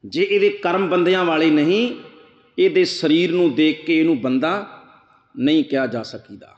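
A man's voice: on the high side, normal speed, soft background music. A man giving a Sikh scripture sermon. He chants verses and then explains them plainly. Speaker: Sikh preacher. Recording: echoey hall, dull lo-fi sound.

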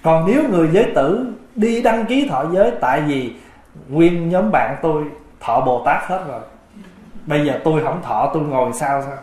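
Monk, gentle teaching voice pitched a bit high, chants verses, echoey room. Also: male voice, lively intonation, normal speed. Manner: gentle, speaks of himself by his dharma name, chants verse passages. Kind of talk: dharma talk.

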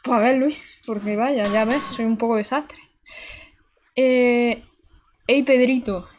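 Brief: young female streamer from Barcelona, chatty and exclamatory, slightly high voice, desk mic. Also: steady tone, takes it slowly, a little mellow, a little hiss or hum. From Barcelona, Spain. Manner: chatty, exclamatory, giggly, answering chat. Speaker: game streamer. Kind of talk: casual live-stream chat while gaming. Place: indoor room.

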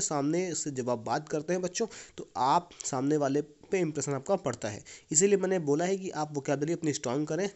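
A man's voice: fairly high pitch, a little mellow. A man with an Indian accent, a school English teacher, explaining a lesson patiently to his students and repeating key points. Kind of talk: classroom lesson video.

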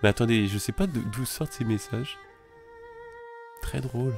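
A man hosting a calm let's play, reading in-game messages aloud and musing on them in a chatty way. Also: medium pitch, normal speed, gravelly, soft background music. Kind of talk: calm gameplay commentary.

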